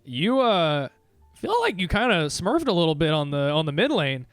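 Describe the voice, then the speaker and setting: Man, esports play-by-play caster, quick and upbeat, casual fillers, fairly high voice, dry headset sound. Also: very animated, no room sound, faint music behind. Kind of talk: live esports play-by-play commentary.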